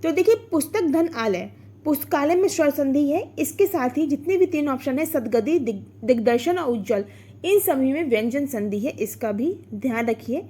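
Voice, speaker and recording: Woman exam tutor, high voice, patient step-by-step explainer who quizzes and answers herself. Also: animated, normal speed, mellow. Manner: explanatory, asks and answers own questions; sounds out vowels and syllables. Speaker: exam prep teacher. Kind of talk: online Hindi grammar lesson.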